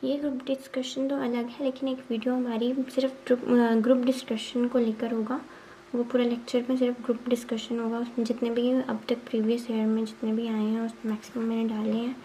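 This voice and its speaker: High-pitched woman teacher going over exam notes, asks and answers her own questions, faint hiss behind. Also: flat delivery, fairly quick, dark tone, low-quality recording. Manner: mixes English terms into Hindi, often says 'ठीक है'. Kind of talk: exam revision lesson.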